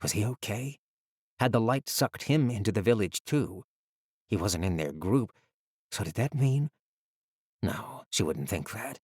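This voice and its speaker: Low-voiced man narrating an audiobook. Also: expressive, a little slow, pauses often, a little mellow, slightly rough, no room sound, studio quality. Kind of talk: scripted fantasy audiobook narration.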